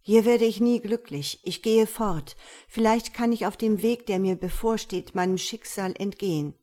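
A humble, hapless young man cries out his woes in a loud, emotional voice, as a woman reading a fairy tale puts him on. His pitch sits in the middle. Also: moderate pace, lightly acted. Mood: lamenting.

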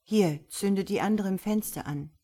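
A woman voicing a steady male creature who leads his group, urging the others on in a read-aloud story. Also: medium pitch, moderate pace, breathy edge.

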